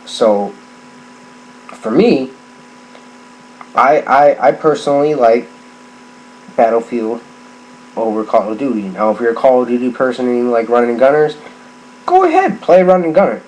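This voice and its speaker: A drunk middle-aged man on a rambling, casual gaming rant, halting and repeating himself as he circles back on phrases. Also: medium pitch, darkish tone. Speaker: gaming vlogger. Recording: clearly noisy background ambience.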